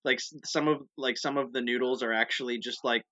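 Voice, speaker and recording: A man's voice: mid-range voice, fairly even intonation, fairly quick, pushed and bright, muffled recording. A man in casual chat, rambling through ideas, laughing often and acting out little bits.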